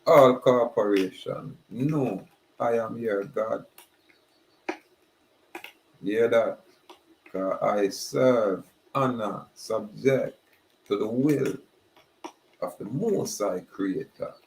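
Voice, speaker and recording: A man giving a slow, emphatic preaching monologue. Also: fairly low pitch, gravelly, a little hiss or hum. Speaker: spiritual speaker. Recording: roomy echoey recording.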